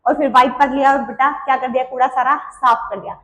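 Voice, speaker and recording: High-voiced woman teacher drilling students. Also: steady tone, fairly bright tone, reverberant. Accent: Hindi. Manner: quizzes students with quick questions and answers herself, calls them beta and bhaiya; uses playful memory tricks and little stories. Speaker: biology teacher. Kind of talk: exam-prep biology lesson.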